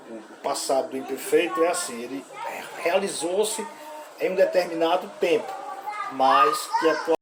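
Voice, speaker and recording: A man with a Brazilian Portuguese accent teaching a Greek grammar class in an informal way, often ending phrases with a questioning "né?" and pausing on fillers. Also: a little high, a little hiss or hum. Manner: frequent "né?" tag questions and hesitant fillers.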